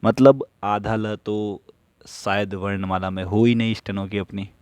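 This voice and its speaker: Slow, dry-voiced man teaching a lesson. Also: lowish voice, fairly even intonation, a little mellow, smooth, no room sound. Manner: asks and answers his own questions, repeats rules. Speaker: stenography teacher. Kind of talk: slow classroom lesson with questions.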